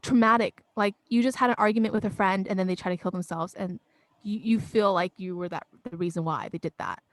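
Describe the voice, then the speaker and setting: A young woman co-hosting a podcast, telling a story in a casual, animated way and often acting out her friends' words. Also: mid-range voice, brisk, no echo. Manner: animated, acts out friends' quotes, laughs often. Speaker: podcast co-host.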